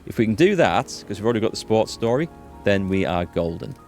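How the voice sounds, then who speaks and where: Over background music, a gaming video host runs through a casual let's play, thinking aloud and explaining as he plays. His fairly low, darkish voice is very animated and moves fairly quickly.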